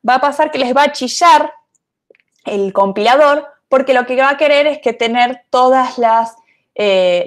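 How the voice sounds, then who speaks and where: A woman giving an online programming lecture, chatty and thinking aloud with many fillers. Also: fairly high pitch. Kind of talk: online lecture, casual explanation.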